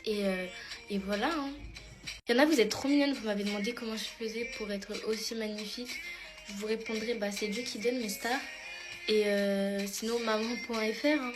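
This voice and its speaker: A teenage girl who is a beauty pageant contestant and vlogger chats casually in a get-ready-with-me video, answering her followers' questions. Her voice is fairly high, she uses lots of fillers, and she calls her followers "mes stars" while music plays underneath.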